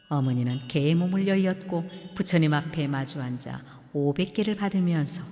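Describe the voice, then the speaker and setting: Male monk, sutra recitation, steady and solemn, long reverb. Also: a little high.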